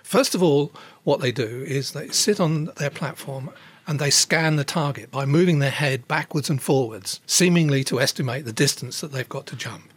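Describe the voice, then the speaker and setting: A man giving measured expert explanations as an interviewed scientist. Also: fairly high pitch, slightly rough, no room sound.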